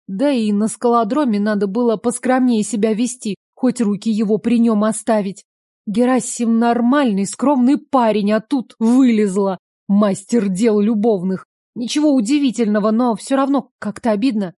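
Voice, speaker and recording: Woman story reader, first-person narration, warm and confiding. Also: fairly high pitch, normal speed, no room sound, clean studio sound.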